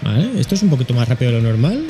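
A man's voice: mid-range voice, sing-song, very fast, mellow, soft background music. A man with a Spain accent giving casual, jokey reaction commentary with sudden exclamations. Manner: jokey, exclaiming, voicing objects in funny asides. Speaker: reaction video host.

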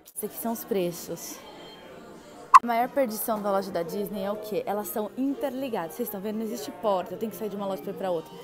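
A woman's voice: mid-range voice, quick pace, over loud music. A young woman from Brazil chatting and gushing to her viewers while browsing gift shops. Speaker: travel vlogger. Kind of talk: casual vlog walkthrough. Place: indoor gift shops at a theme park.

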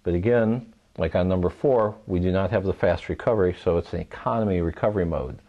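A man calmly walking through a step-by-step how-to demonstration, patient and methodical, repeating key points. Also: deep voice, brisk, dull audio. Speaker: home repair instructor.

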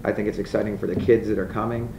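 Gravelly, flat-voiced male coach. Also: on the low side, racing. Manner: blunt, matter-of-fact. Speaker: head coach. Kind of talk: postgame press conference. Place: press room. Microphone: table mic. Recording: echoey room, from far off, with noise.

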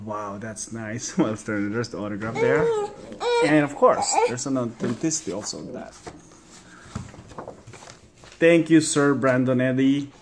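A man in an excited, chatty unboxing vlog at home, laughing often as he talks to the camera. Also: medium pitch, background noise. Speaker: vlogger. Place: home, at a table.

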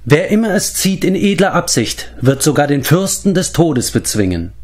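A man voicing a wise old male bard in a storybook reading, speaking in a measured, reflective way. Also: on the high side, very animated, a little mellow, voice pushed up.

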